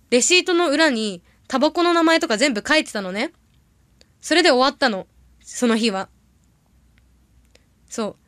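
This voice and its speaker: A young woman with a bright, high voice chats casually to her livestream audience. She rambles through stories and reacts quickly to comments. The sound is dry, with no room echo. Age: young adult. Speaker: idol audition candidate livestreaming. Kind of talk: casual livestream chat reading viewer comments.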